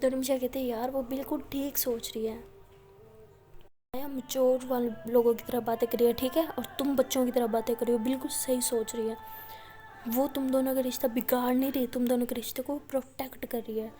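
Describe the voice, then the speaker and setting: A woman's voice: sits high, dark tone. A woman with an Indian Hindi-Urdu accent, casually retelling a love story and passing on what each character says in chatty indirect speech.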